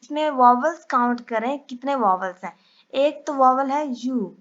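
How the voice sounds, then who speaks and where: High-voiced woman teaching a slow lesson. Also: lively intonation, highs cut off. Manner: patient, explains step by step, reads English definitions slowly. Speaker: English teacher. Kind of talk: explanatory lesson.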